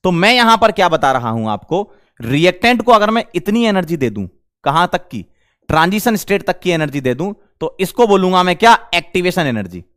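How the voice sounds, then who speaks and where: A male chemistry teacher lecturing a class, firing quick questions at the students. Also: high-pitched, sing-song, a bit bright.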